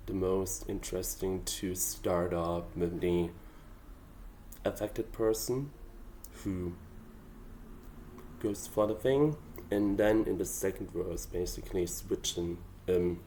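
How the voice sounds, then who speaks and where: In a low, slightly mellow voice, a German-speaking man goes over his draft song lyrics for a casual vlog. He's a hobby songwriter, and his explanation is thoughtful and hesitant, packed with fillers.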